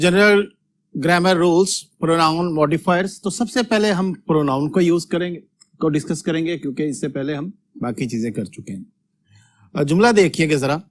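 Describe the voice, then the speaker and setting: Male grammar teacher, high-pitched, patient and methodical, works through examples at the board. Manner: explanatory, repeats "dear students", reads English examples slowly. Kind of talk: grammar lesson at a whiteboard.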